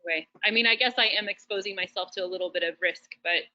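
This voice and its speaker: Woman, bright voice, casual and rambling, lo-fi call audio. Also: mid-range voice, fast talker. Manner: casual, frequent fillers and restarts. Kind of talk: casual webinar chat. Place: shared roasting facility.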